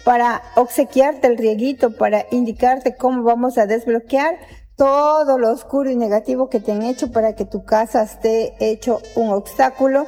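A woman's voice: fairly high pitch, fairly even intonation, moderate pace, mellow, in a large hall, soft background music. An Ecuadorian woman healer with an Ecuadorian Spanish accent, speaking in a persuasive, insistent promotional address full of repeated lists. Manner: persuasive, insistent, repetitive listing.

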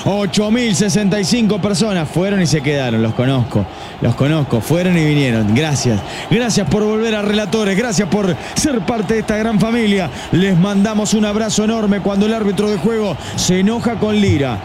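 An Argentine man with an Argentine Spanish accent, giving fast live football play-by-play commentary for an online stream and reading viewer messages aloud. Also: high voice, animated, background noise.

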